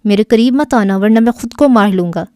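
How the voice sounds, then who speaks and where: A woman voicing a fragile, volatile young man who is crying, pleading and shouting in despair. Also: fairly high pitch, dry recording, clean studio sound, close to an everyday voice. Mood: screaming rage. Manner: sobbing, pleading, frantic.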